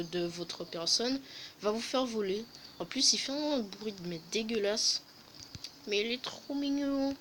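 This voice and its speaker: A woman's voice: on the high side, slight background noise, poor audio. A woman hosting a casual game update review, hesitant, with many fillers and self-corrections and jokey self-mocking asides. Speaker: gaming video host.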